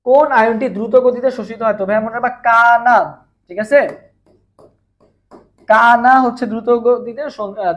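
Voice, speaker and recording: A man's voice: very high voice, fairly bright tone. A young man from Bangladesh teaching a live online biology revision class, repeating questions and answers and asking viewers to comment.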